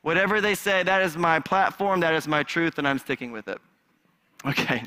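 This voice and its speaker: An animated male pastor telling a story from the pulpit with a bright, forceful voice. He acts out the voices of the people in his story, and his pitch sits a little high for a man. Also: moderate pace. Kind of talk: sermon with personal story. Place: church sanctuary.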